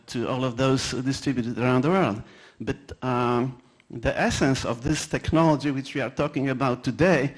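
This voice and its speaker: In a mid-range voice, a Polish-accented man presents at a conference, stumbling through his talk with frequent fillers and restarts. A native speaker of Polish, he peppers it with self-deprecating stories.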